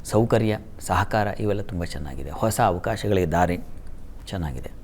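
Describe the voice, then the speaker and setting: A man with a Kannada accent reading the daily horoscope as an astrologer, chanting Sanskrit verses slowly and letting his sentences fall to a soft hush. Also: deep voice, expressive, slight background noise.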